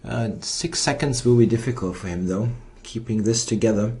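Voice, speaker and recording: Muttering and halting as he thinks, a man gives live think-aloud commentary on a blitz chess game he is playing himself. His voice is on the low side with a warm tone.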